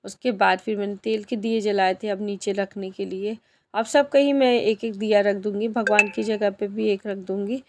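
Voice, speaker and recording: A woman's voice: mid-range voice, steady tone, normal speed, noisy background. A woman vlogger narrating her outing in a chatty way, often speaking straight to her viewers. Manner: chatty, addresses viewers as friends. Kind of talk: casual vlog narration.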